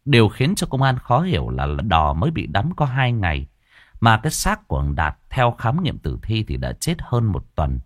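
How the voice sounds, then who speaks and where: A male storyteller narrates a ghost story with ominous drama. His voice sits fairly low yet swings widely in pitch, recorded dry and close with no room sound. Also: wildly swooping pitch, moderate pace, no echo.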